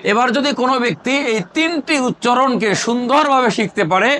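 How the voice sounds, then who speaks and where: A Bangladeshi man leads a Quran recitation class in call-and-response style, firing questions repeatedly, getting the group to answer aloud and drilling terms through chanted repetition. His voice is extremely high, bright and forceful, moving a little fast.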